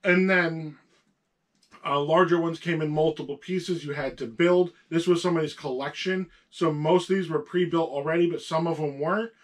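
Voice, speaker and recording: A man's voice: a little high, fairly even intonation, normal speed. Man with a sore throat chatting casually. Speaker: toy collector and video host. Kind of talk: casual show-and-tell chat.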